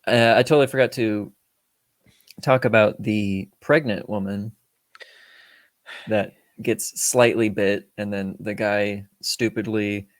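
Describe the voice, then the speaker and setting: A man's voice: lowish voice, fairly even intonation, slow pace, dry recording, studio quality. A man co-hosting a film podcast, chatting casually and bluntly, swearing freely and now and then mimicking characters. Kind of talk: casual film review chat.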